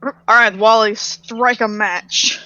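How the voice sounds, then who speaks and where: A woman's voice: on the high side, steady tone, slow, bright, forceful tone, no room sound. A woman playing a tabletop role-playing game, talking in a blunt, teasing way. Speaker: player. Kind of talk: tabletop role-play banter. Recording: dull lo-fi audio.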